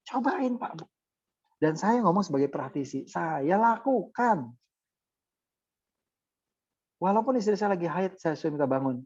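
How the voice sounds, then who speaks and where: Male preacher, casual religious talk, mellow dark voice, chatty, addresses listeners, muffled lo-fi sound. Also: high voice, sing-song, measured pace, pauses often, husky. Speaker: Islamic preacher.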